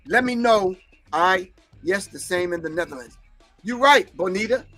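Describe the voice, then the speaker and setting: A man hosts a laid-back livestream, replying to chat messages in a preachy, emphatic tone. His voice is high and bright, and English isn't his native language. Quiet music can be heard behind him.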